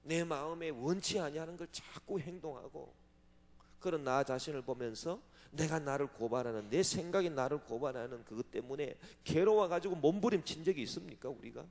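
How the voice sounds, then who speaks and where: A man preaching a sermon as pastor, swinging from loud outbursts to hushed asides. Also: fairly high pitch, lively intonation, a little fast. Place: large church sanctuary. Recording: long church hall reverb.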